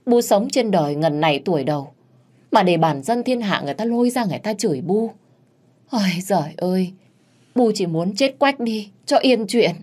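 A woman voicing a scheming old village mother-in-law who wails and scolds in a shrill voice. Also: lively intonation, moderate pace, darkish tone, natural voice. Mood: lamenting.

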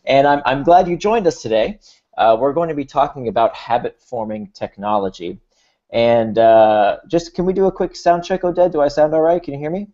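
Over a video call, an Israeli-born man with an American accent runs a workshop in a mid-range, dark voice at normal speed. He explains steadily, often restarting by repeating words. The audio is dull and lo-fi.

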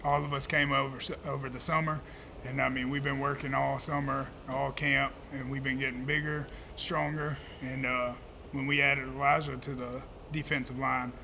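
Young man, college football player, post-game press talk, flat intonation, laid-back, hiss in background. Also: medium pitch, normal speed, vocal fry. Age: 20s. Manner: laid-back, plain-spoken, lots of uh fillers. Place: press conference room, indoors. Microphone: table microphone.

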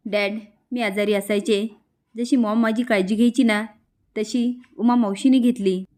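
A woman's voice: a little high, fairly even intonation, a little slow, mellow, close to an everyday voice. A woman voicing a young daughter who earnestly pleads with her father, in a spoken soap-story retelling. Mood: pleading.

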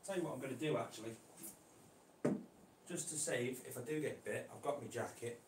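A man keeping reptiles, chatting casually to viewers while gently coaxing and handling a snake indoors. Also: mid-range voice, brisk, echoey room, a little hiss or hum. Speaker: reptile keeper vlogger. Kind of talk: casual vlog. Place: indoor room.

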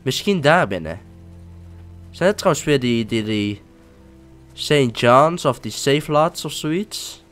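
A man giving casual commentary while playing a game, excitable and often swearing or exclaiming. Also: mid-range voice, slow, long pauses, faint music behind. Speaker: let's-play gamer.

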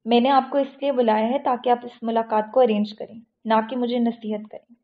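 A commanding tycoon, stern and forceful with a gravelly edge, as a woman reads him in an audiobook. The sound is thin and tinny, like a phone line. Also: fairly high pitch, steady tone. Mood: angry. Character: powerful angry middle-aged male tycoon.

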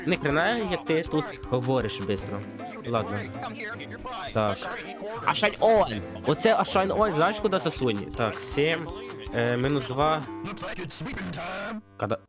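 Excitable man yelling over game music. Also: fairly high pitch. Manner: excitable, yelps and panicky repeated outbursts. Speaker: let's play gamer. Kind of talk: excited gameplay commentary. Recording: game music loud under voice.

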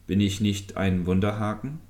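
A man's voice: lowish voice, moderate pace, a little mellow, lightly acted. A man voicing a meek, stubborn magic fishing hook that begs its master for mercy in a storybook reading. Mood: pleading. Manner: humble, begging.

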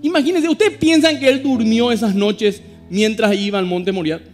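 High-voiced Paraguayan pastor preaching in an echoing church. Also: male voice, moderate pace. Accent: Paraguayan Spanish. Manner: emphatic preaching, reads scripture aloud and addresses the congregation. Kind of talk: sermon. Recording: long hall reverb with faint guitar music.

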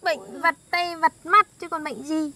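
A young woman, acting in a comedy sketch with a sharp-tongued, mocking manner. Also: high-pitched, measured pace, a little hiss or hum. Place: outdoors in a field.

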